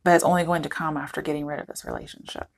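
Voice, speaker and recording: A woman's voice: deep voice, huge pitch swings, rapid-fire, slight background noise. A woman giving a casual, chatty tarot reading to her viewers, thinking aloud as she goes, her voice cracking at times. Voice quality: voice cracking, throat clearing. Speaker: tarot reader.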